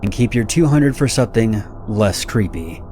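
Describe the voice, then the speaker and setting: A man narrating a scripted horror story in a steady, measured reading. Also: on the low side, faint music behind.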